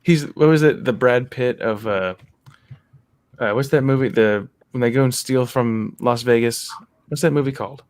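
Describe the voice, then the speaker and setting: A man's voice: mid-range voice, normal speed, darkish tone, dry recording. A man hosting a casual group video chat in an easygoing way. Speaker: host.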